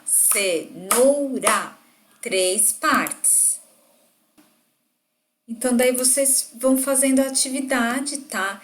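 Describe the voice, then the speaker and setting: A woman teacher demonstrating word games for a class, explaining patiently and stretching words out clearly. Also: a little high. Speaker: literacy teacher. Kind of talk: online lesson demonstration.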